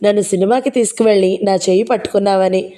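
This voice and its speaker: A woman's voice: mid-range voice, fairly even intonation, fast talker, mellow, lightly acted. A reserved, teasing young man, read by a woman.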